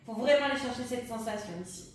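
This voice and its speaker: A woman's voice: on the high side, fairly even intonation, fast talker, slight background noise. A woman teaching a pilates class, guiding breathing and counting repetitions while she does the exercises herself. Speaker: pilates instructor. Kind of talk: guided workout instruction. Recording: echoey room, distant mic.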